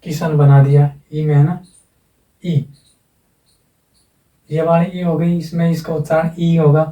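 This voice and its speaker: Soft-toned man teaching in an echoey room. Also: a little high, flat delivery, normal speed. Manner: patient, repetitive explaining, drawing out example sounds. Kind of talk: exam-prep lesson. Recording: echoey room, mic at a distance.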